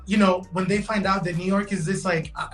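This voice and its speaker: Speaking a little fast in a high, steady, fairly bright voice, this digital fashion designer chats casually as a guest on a video call while faint music plays behind him. He's a young Guatemalan raised in LA, talkative, often restarting sentences and dropping "bro" and "man."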